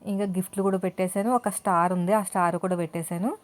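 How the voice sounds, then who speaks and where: A woman's voice: fairly low pitch, steady tone, fast. A woman, chatting to viewers about her day in a casual home vlog. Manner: talkative, addresses viewers directly. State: tired. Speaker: vlogger.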